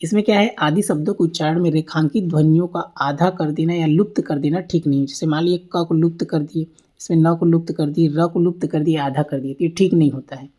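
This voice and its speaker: Low-voiced woman teaching a lecture. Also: fairly even intonation, a little fast, dark tone. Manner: asks and answers her own questions, repeats key points. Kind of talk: exam-prep lecture over slides.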